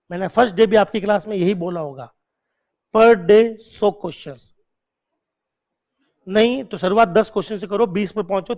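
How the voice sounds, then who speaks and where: High-voiced male teacher quizzing his class. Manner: quizzes the class with repeated questions; drills key points slowly and repeats them. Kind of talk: classroom lecture.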